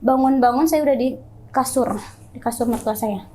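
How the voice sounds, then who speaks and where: A young woman with a high, mellow voice, telling a personal ghost story as a guest. She talks in an animated way and acts out other people's lines in quoted voices. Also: normal speed.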